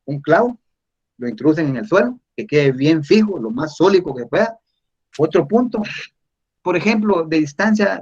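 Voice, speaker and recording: A man teaching surveying in an online class, explaining slowly and patiently over a video call. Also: on the high side, breathy edge, highs cut off. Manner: slow, explanatory, addresses listeners as "mis estimados". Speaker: surveying instructor answering questions.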